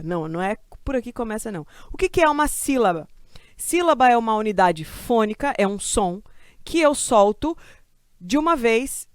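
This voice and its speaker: A woman from Brazil teaching a grammar lesson for exam prep, lively and chatty, asking questions and answering them herself. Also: a little high, dry recording, clean studio sound.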